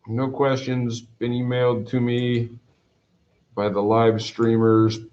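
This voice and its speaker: The speaker, a middle-aged math teacher from Canada, chats and wanders off topic with his class, joking at his own expense in a whiteboard classroom. His mid-range, darkish voice barely shifts in pitch and comes out slowly. The recording, from a camera across the room, is roomy and dull.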